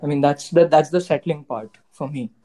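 Mellow, higher-pitched Indian man, hesitant talker. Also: moderate pace. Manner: hesitant, searching for words. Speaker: podcast guest, cafe co-founder. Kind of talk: casual reflective talk.

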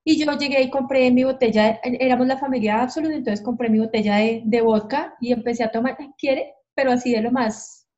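Woman, frank animated storyteller, higher voice, dull recording. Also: quick pace. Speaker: podcast guest. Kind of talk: candid storytelling. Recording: dull lo-fi sound.

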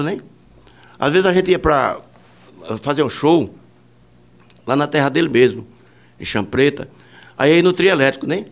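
In a relaxed interview, a man who makes music and produces it spins meandering stories full of filler words and lines of quoted conversation. His voice is medium in pitch.

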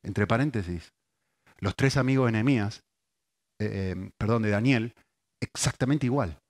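A man with an Argentine accent preaching a sermon, alternating loud, emphatic repetition with quiet storytelling. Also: on the low side, moderate pace. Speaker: pastor.

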